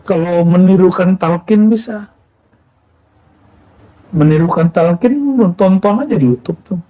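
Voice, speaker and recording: Mellow-voiced preacher with rhetorical questions. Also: male voice, sits high, poor audio. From Indonesia. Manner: plain, unhurried teaching with rhetorical questions. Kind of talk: sufi sermon.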